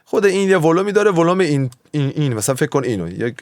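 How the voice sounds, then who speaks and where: Casting: slightly high-voiced man, music producer teaching mixing, loose and digressive, dry room. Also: sing-song, a little mellow, dry recording. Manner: chatty, digressive, often waves off his own tangents. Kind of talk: casual screen tutorial.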